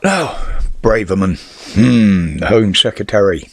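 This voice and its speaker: A man's voice: fairly low pitch, lively intonation, a little slow, dry recording. A middle-aged British man with a whistle on his s sounds from false teeth, giving blunt, sweary, casual opinions on the news. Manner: blunt, sweary, rhetorical questions.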